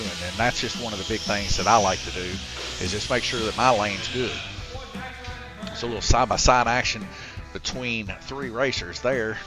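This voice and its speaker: A man's voice: fairly low pitch, poor audio. A man giving casual, chatty live race commentary at a slot car raceway, with many filler words. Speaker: race commentator and track host. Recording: music playing underneath.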